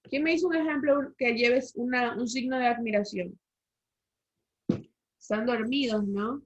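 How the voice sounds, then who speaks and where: A woman's voice: on the high side, fairly even intonation, measured pace, husky. A woman teacher giving an online language lesson, explaining rules and quizzing the class with questions over a video call. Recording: slightly dull lo-fi call audio.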